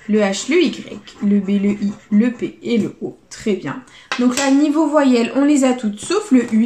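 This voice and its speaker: A woman's voice: medium pitch, a little hiss or hum. French woman scratching tickets in an echoey room. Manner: lively, swings between dread and excitement, spells out letters. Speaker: YouTuber scratching lottery tickets. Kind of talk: casual commentary to viewers.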